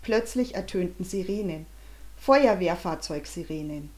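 A woman narrating a children's story aloud, with an animated, dramatic reading. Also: fairly low pitch, a little slow. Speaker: audiobook reader.

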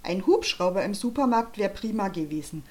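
Here the narrator, a woman with a mid-range, slightly mellow voice close to her everyday sound, speaks a bit quickly and with animation. She brings to life a cheeky young girl in an audiobook, all bold, bubbly bragging.

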